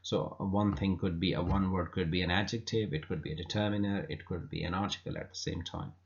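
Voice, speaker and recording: A man's voice: low voice, fairly even intonation, a little fast, creaky. A man teaching an English grammar lesson, explaining patiently with frequent fillers and repeated words. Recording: dull lo-fi recording.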